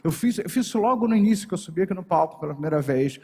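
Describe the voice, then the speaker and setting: A Brazilian man lectures to a live audience from a stage, his voice dark and a little husky. He talks in an animated way and keeps shifting his intonation to address the listeners, and a long hall reverb trails behind each phrase. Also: high-pitched, very fast. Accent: Brazilian Portuguese. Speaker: NLP and hypnosis trainer.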